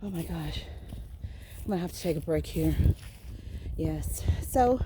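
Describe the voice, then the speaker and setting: A woman's voice: low-pitched, expressive, a little slow, background noise. A woman casually vlogging outdoors in the countryside while walking and foraging, chatty and self-deprecating.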